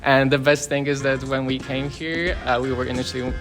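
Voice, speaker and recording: A man from Poland, a software developer, answering street interview questions slowly and hesitantly. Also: mid-range voice, fairly even intonation, over music. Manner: slow, hesitant, with fillers.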